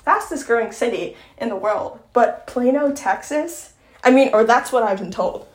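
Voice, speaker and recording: A woman's voice: on the high side, animated, normal speed. A young woman from Long Island talking in a casual, rambling vlog chat full of fillers. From Long Island, New York. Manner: chatty, rambling, lots of fillers. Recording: echoey room.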